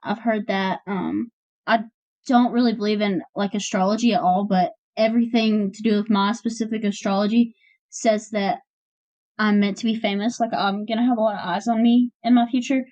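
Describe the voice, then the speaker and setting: A woman's voice: medium pitch, fairly even intonation, moderate pace, darkish tone, no echo. Woman, podcast guest, casual, playful, self-mocking, dry. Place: small room.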